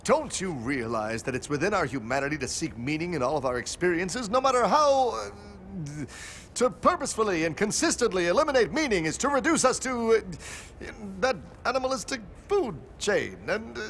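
A self-assured male superhero, played by a man, who speaks in formal, grandiloquent phrases. His voice sits a bit high and moves lively up and down. A faint noise hums underneath. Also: normal speed, exaggerated voice. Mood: earnest. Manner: grandiloquent, formal heroic speech. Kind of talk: comedic audio drama acting.

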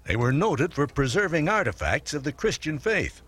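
An actor playing a college professor who explains in a measured, learned way, in a radio drama. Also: male voice, on the high side, very animated, a bit bright, breathy edge, heavily acted. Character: scholarly, careful college professor.

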